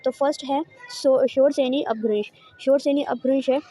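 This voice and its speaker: A teacher explains course notes online in a high, dark voice with fairly even intonation. Each point gets repeated in new language, and she answers the rhetorical questions she raises.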